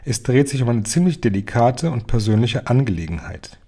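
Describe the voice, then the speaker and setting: A man voicing a snooty, easily offended lady hotel guest in a storybook reading, raising his husky voice to a shrill pitch. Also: expressive, fairly quick, warm tone, close to an everyday voice. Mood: haughty.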